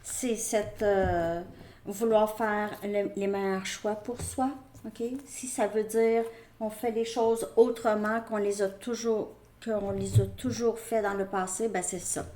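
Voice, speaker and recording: Slow-spoken Québécois woman reading tarot. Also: mid-range voice, fairly even intonation, mellow, a little hiss or hum. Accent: Québécois French. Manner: slow, hesitant, many fillers and restarts. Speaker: tarot reader.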